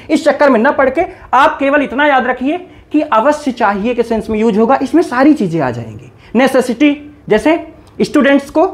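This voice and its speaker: A man teaching a video lesson, explaining grammar in an animated way and playfully scolding his students in jest. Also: very high-pitched. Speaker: English teacher.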